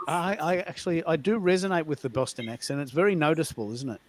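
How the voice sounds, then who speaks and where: A man with a Melbourne Australian accent hosting a casual live audio chat, relaxed and rambling, often restarting his sentences. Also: on the high side, fast talker. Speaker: host of a social audio room.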